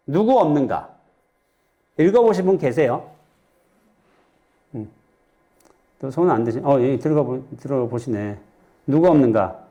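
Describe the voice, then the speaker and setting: A middle-aged Buddhist monk from central Korea lecturing a lay audience in a chatty way, quizzing them and slipping in jokes. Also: male voice, fairly high pitch, mellow. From Chungcheong, Korea. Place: temple lecture hall with audience.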